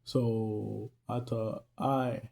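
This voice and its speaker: Speaking extremely slowly with vocal fry, this faith vlogger from Haiti has a fairly low, level, slightly mellow voice and a Haitian accent. He talks to camera in an earnest, loose, chatty way about faith and growth, laughing frequently.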